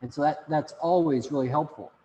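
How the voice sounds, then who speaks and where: A man's voice: on the high side, fairly quick, warm tone, dull audio. Rambling man lecturing an online class. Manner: rambling, jokey, repeats words. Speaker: teacher. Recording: long reverb, faint room noise.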